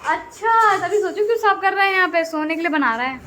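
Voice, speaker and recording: A woman's voice: very high-pitched, expressive, fairly quick, sharp tone, a little hiss or hum. A young woman chatting casually in her vlog, teasing and laughing often, recorded on a phone. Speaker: vlogger.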